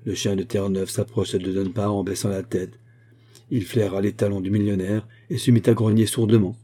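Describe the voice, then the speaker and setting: A man narrating a classic novel in a steady, measured audiobook reading. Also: lowish voice.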